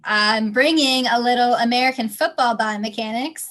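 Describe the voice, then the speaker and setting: A young woman with a fairly high-pitched voice co-hosts a casual science podcast. She sounds bubbly and chatty and laughs easily as she explains research. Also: normal speed, fairly bright tone. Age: young adult. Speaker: podcast co-host.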